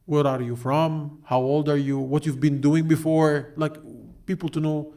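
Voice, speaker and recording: A man's voice: on the high side, level tone, normal speed, dark tone. A man hosting a podcast interview, talking loosely and chattily with plenty of fillers and restarts. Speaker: podcast host. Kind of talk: casual interview chat.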